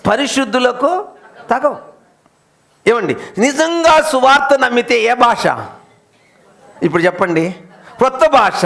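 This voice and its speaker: Male pastor, high gravelly voice, very animated, call-and-response sermon style. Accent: Telugu. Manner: swings from loud rhetorical questions to low intense asides. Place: church service.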